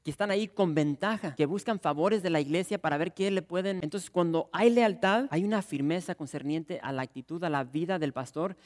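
A pastor delivers a sermon in a high voice, building to emphatic peaks and calling out to the congregation. His words ring with a long reverberation from the hall around him. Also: brisk, few pauses. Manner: preacherly, rising to emphatic peaks, addresses listeners as "tío" and "hermanos".

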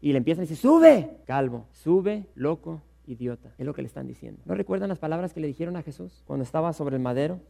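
A man's voice: a little high, very fast, vocal fry, hardly any pauses, mellow. A man, a pastor giving a sermon and reading scripture aloud with rising emphasis.

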